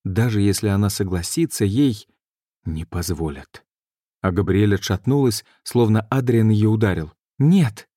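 A man narrating an audiobook in a measured, deliberate way. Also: on the low side, dark tone, dry recording, clean studio sound. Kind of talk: scripted narration.

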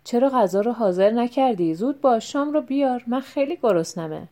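A woman's voice: a little high, animated, pitched above the performer's own voice, natural voice. A woman playing a clever, scheming husband. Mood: loud, scheming. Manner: loud and emphatic, staging talk for eavesdroppers. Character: clever scheming husband, middle-aged man.

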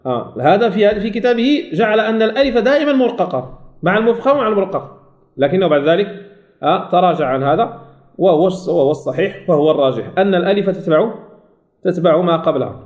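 A man teaching recitation rules, repeating each point and slowly demonstrating the sounds. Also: high voice, lively intonation, darkish tone, roomy sound. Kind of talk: tajweed lesson.

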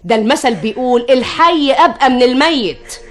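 A woman's voice: sits high, lively intonation, brisk, a bit bright. An actress with an Egyptian accent playing a bossy widowed mother in an old radio drama, scolding and insistent. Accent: Egyptian Arabic.

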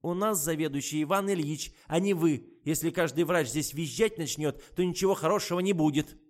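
A man's voice: fairly high pitch, a little fast, pitched above the performer's own voice, lightly acted. A man voicing a sulky, cheeky young woman nurse who answers back in a snappish way.

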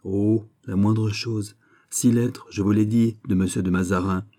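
A haughty, scheming duchess, read by a man in an audiobook, teasing and bargaining with a cool edge. The voice underneath stays very dark and mellow, lifted only a little toward a lady's register. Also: fairly low pitch, fairly even intonation, a little slow. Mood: sly. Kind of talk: audiobook character reading.

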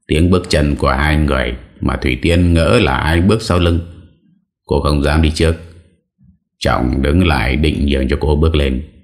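A man narrating a ghost story in a steady, measured reading voice. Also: extremely low pitch.

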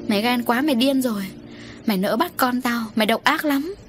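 A woman storyteller gives voice to a half-mad village mother who cackles and sobs in turn. The voice rides high and shrill above her own, loud and raw. A faint music bed sits under the storybook reading. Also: fairly quick, natural voice. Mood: wailing. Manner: shrill, laughing and sobbing accusations. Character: crazed grieving village woman, wailing and cackling.

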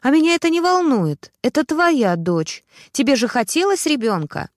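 A woman voicing a demanding young mother who shouts and scolds her husband. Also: high voice, sing-song, normal speed, no echo, clean studio sound, voice pushed up. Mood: scolding. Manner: loud, scolding, insistent.

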